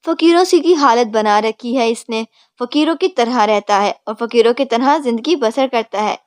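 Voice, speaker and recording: A woman's voice: fairly high pitch, darkish tone, no room sound, clean studio sound, natural voice. A woman voicing a fierce, doting older mother who scolds her husband in an angry tone. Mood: scolding.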